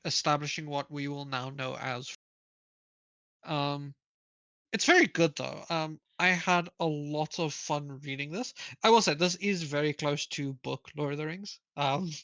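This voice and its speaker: A man's voice: a little high, gravelly, fairly bright tone, no echo. A man co-hosting a book club livestream, rambling casually with fillers and laughing at his own slips. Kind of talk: casual live-stream chat.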